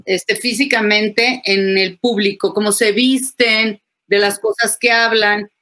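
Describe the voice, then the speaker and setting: A woman's voice: medium pitch, steady tone, slow, pushed and bright. A woman, a psychoanalyst, talking animatedly on a webinar panel and acting out quoted phrases.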